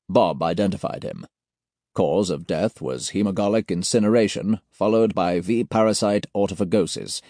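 A man voicing a terse senior male security chief who reports facts in a clipped, flat way. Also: low voice, no room sound, clean studio sound.

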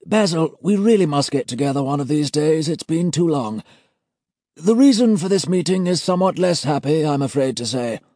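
A man voicing a kindly-looking older male senior auditor who is formal, courteous and quietly menacing. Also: a little high, animated, normal speed, dry recording, studio quality, voice pushed up. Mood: politely menacing.

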